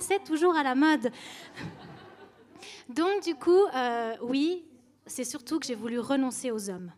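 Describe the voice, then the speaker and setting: High-voiced woman doing stand-up as a nun. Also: a little mellow. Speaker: stand-up comedian. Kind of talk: stand-up comedy as a nun persona.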